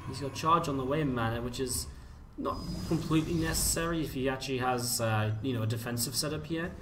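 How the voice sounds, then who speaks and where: A man's voice: mid-range voice, fairly quick, far from the mic, noisy background. A man doing live play-by-play commentary on a video game, informal and chatty, thinking aloud as he goes. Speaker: esports commentator. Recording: music behind the voice. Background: music.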